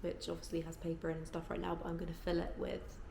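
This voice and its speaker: Talking fast in a lowish, creaky, completely flat voice, a tired, stuffy-sounding woman vlogs from home in her flat, rambling and chatty with plenty of "like" and "yeah". There's reverb and background noise.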